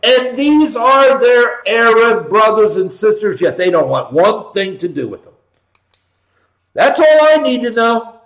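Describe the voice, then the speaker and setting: A fairly high-voiced American man rants through a political monologue as a talk show host. He hammers points by repeating short phrases, swinging from loud outbursts to quieter asides. The sound is noticeably roomy and echoing. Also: sing-song, unhurried. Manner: emphatic, punchy repetition with swings from loud to hushed. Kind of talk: impassioned political monologue, ranting.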